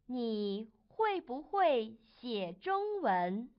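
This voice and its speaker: Lady reading a textbook dialogue part, high and bouncy, really slow, lo-fi. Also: sing-song, exaggerated voice. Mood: plain. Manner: very slow, carefully articulated. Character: adult woman named Susan. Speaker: dialogue reader. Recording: dull lo-fi recording.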